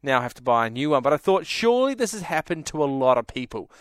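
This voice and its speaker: A man's voice: on the high side, very animated, fast, no room sound, clean studio sound. A man hosting a radio talk show, chatty and laughing along with callers. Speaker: radio host. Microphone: studio microphone.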